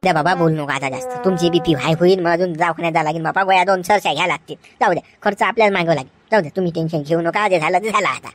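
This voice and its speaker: A woman acting in a village comedy skit, questioning and calming in a chattering way. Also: lowish voice, rapid-fire, few pauses, music in the background, natural voice. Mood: lamenting. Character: village woman, then police constable.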